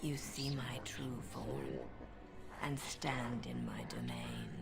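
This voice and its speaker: An actress playing a scheming female demon in a video game, her slow, half-whispered lines sounding layered and demonic. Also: very deep voice, big pitch swings, vocal fry, heavily acted. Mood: coaxing, menacing. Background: game music.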